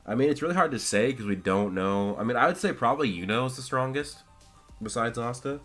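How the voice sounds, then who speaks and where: Chatting about anime on a live stream, a man answers questions from viewers, rambling and restarting as he goes. His medium-pitched voice is brisk, a touch bright, and worn scratchy from a full day of talking, while faint music plays behind him.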